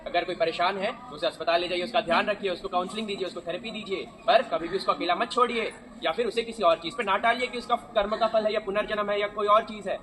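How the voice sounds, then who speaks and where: A man's voice: high voice, quick pace, a bit bright. A young man with an Indian accent giving an educational street-play speech as a nursing student, projecting his voice. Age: young adult. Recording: noisy outdoor recording.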